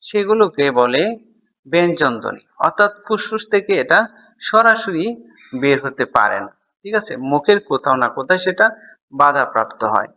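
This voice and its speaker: A man's voice: a little high, very animated, moderate pace, sharp tone, lo-fi sound. A man teaching a school grammar lesson, explaining step by step and answering his own questions.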